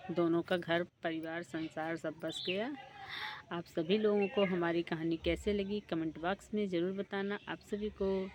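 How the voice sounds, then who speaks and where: A woman's voice: lowish voice, steady tone, a little slow, darkish tone, slight background noise. A woman casually telling a folk tale in a plain, repetitive way. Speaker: storyteller. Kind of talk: casual oral storytelling.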